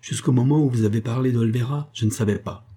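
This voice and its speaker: A man's voice: mid-range voice, fast talker, dark tone, slightly rough, lightly acted. A man reading a fervent young woman. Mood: earnest.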